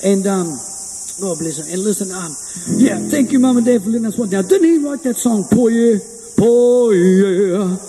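A man's voice: high voice, expressive, measured pace, crowd noise. A man with a broad New Zealand Kiwi accent giving chatty, colloquial, folksy stage patter into a microphone as a musician. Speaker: musician entertainer. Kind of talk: folksy stage patter between sung lines. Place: outdoors on a hilltop above the sea. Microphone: microphone on a stand. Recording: outdoor mic with long reverb and music behind. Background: guitar music.

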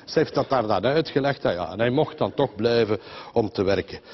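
A man's voice: medium pitch, expressive, fairly quick, dull audio. A man with a Flemish accent telling a comic story in a rambling, chatty way, full of fillers and voices of the people in it. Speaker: comedian.

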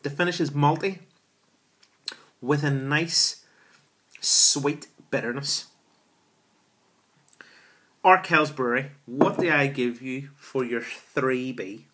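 Chatty man, bright voice. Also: mid-range voice, slow pace, long pauses, slight background noise. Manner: chatty, enthusiastic, lots of fillers. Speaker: beer reviewer. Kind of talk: casual beer review vlog. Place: small room at home, indoors. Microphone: camera at arm's length.

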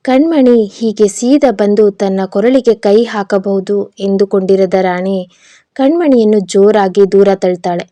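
Woman reading a story, warm mellow voice, dry close mic, calm and even. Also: medium pitch, a little slow, dry recording. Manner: calm, even storytelling, livelier in quoted lines. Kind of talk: scripted story narration with acted dialogue.

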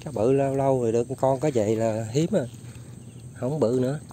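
A man's voice: medium pitch, a little fast, mellow, slight background noise. A man narrating casually to viewers as he checks fishing lines and traps outdoors, chatting to them the whole way. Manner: chatty, keeps addressing viewers. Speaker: outdoor fishing and trapping vlogger. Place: outdoors in flooded rice fields.

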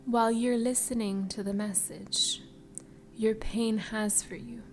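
A woman guiding a meditation in a soft, breathy spa voice that trails into whispers, soothing and unhurried. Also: fairly high pitch, steady tone. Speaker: meditation guide. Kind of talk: slow guided meditation narration. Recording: music behind the voice. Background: background music.

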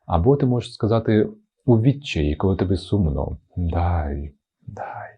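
A man's voice: fairly low pitch, big pitch swings, brisk, breathy edge, highs cut off. A man teaching Italian in a casual video lesson, playful and acting out the intonations of example words. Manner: promotes his own course.

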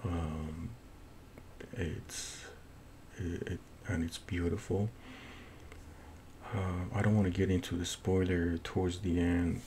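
Here a low-voiced man from Iran, thick Persian accent and level tone, reviews a film casually and without a script. He stumbles through repeated false starts as he searches for words. The setting is a small indoor home office, and the recording picks up room noise and a low rumble.

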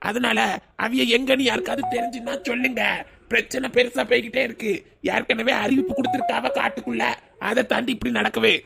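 A man's voice: extremely high pitch, flat delivery, creaky, over loud music, heavily acted. A man voicing a stern village police officer questioning people, with a Kanyakumari Tamil accent. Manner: brisk, authoritative questioning. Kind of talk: cartoon voice acting.

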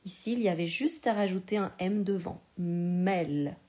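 A woman teacher giving a slow, patient spelling lesson to a young child, sounding out each syllable with care. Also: mid-range voice, darkish tone.

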